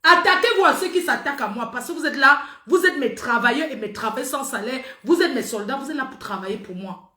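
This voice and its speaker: Woman, fairly high voice, exclamatory, scolding, casual live chat. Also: expressive, a little fast, bright, forceful tone. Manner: scolding, exclamatory, talks straight to viewers. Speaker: livestream host. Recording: roomy echo.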